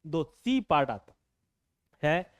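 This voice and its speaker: Male chemistry tutor, online lecture; lively swooping delivery, coaxing and repetitive, dry close mic. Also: fairly high pitch, clean tone, dry recording. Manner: slow dictation, repeating phrases; coaxing, calls students beta and bhai. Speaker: chemistry teacher. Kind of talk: online exam-prep lecture.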